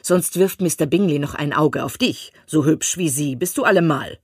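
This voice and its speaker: A laconic, teasing husband answers in a dry, understated way, as a woman reads him in an audiobook. The voice sits low, with a husky grain. The recording is dry and close. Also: moderate pace, a little mellow, dry recording. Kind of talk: audiobook reading.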